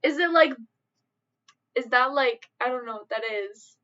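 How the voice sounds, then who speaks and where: Slow-talking, giggly young woman streamer from Michigan. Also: high voice, bright, forceful tone, dull audio. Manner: giggly, rambling, easily amused. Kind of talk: casual live-stream chat.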